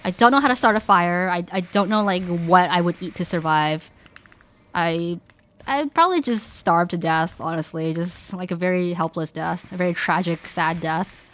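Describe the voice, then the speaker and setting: A young woman streaming, chatting casually with viewers in an animated way, filling her talk with "like" and restarting her sentences. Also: fairly low pitch, moderate pace. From Canada.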